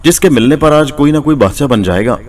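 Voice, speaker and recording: A man's voice: medium pitch, expressive, fast, distant mic, pitched above the performer's own voice, natural voice. A man voicing a strong, blunt village blacksmith in a storybook tale, with a raised, pushy delivery. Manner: blunt, demanding.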